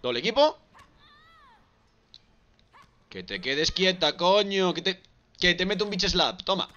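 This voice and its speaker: A man with a Galician Spanish accent streams himself playing a wrestling game. His pitch is fairly high and swings widely as he shouts and rattles off repeated words. The audio is dull and lo-fi. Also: expressive, moderate pace. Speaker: gaming streamer. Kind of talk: live gameplay commentary.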